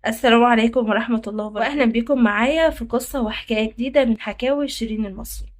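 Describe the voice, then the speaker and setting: A woman's voice: fairly high pitch, steady tone. A woman with an Egyptian accent greets her listeners as the host of a storytelling channel. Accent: Egyptian Arabic. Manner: quick, friendly greeting.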